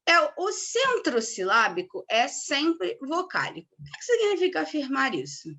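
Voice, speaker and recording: A woman's voice: sits high, wildly swooping pitch, normal speed, bright, forceful tone. A young woman teaching a recorded grammar lesson, stressing key words and often checking in with her students.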